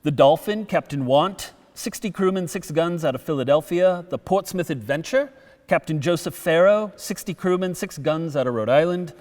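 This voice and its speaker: A middle-aged man giving a lively public history lecture as a guest speaker in a town hall, telling it like a story. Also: a little high, moderate pace. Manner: lively storytelling, acts out quotes. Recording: long hall reverb.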